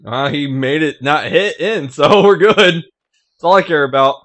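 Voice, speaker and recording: A man hosting a video game session, chatting casually, laughing often and shouting at the screen. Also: a little high, expressive, a little slow. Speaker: let's play host. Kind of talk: casual gameplay commentary.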